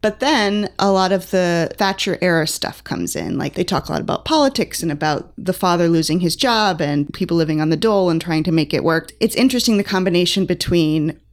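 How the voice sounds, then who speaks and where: A young woman with a slightly low voice talks casually about books on a podcast. She is chatty and playful, and laughs often. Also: very animated, brisk, hardly any pauses. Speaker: podcast co-host reviewing books. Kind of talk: casual book chat.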